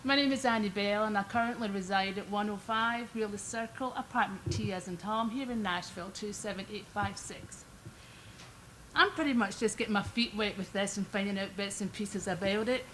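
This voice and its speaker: A woman's voice: mid-range voice, normal speed, a bit bright, a little hiss or hum, low-quality recording. An older woman from Scotland with a Scottish accent, speaking in a chatty, homely way during public comment at a town council meeting. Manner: chatty, homely, lightly self-deprecating. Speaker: resident giving public comment.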